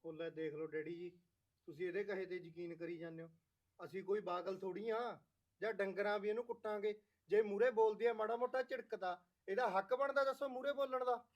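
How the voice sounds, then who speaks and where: A man's voice: sits high, fairly even intonation, a little fast, natural voice. An actor playing a complaining young husband who accuses his wife. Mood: accusing. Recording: dull lo-fi sound.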